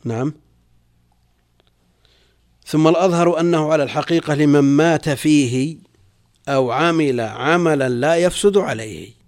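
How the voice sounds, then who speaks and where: A middle-aged man, a guest on the program, speaks as a religious scholar, reading and explaining commentary mostly in formal Arabic with colloquial asides and repeated key phrases. His voice is a little high and darkish in tone, at normal speed with frequent pauses.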